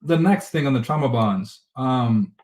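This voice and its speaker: An energetic man coaching on relationships, his words tumbling out quickly. His voice sits in the middle range and carries an echo from the room around him. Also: medium pitch. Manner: energetic, fast-talking. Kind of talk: casual conversational talk show.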